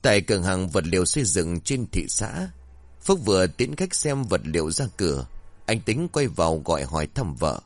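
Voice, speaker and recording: A man narrating a ghost story in an expressive, dramatic reading style. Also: low-pitched, normal speed, no echo.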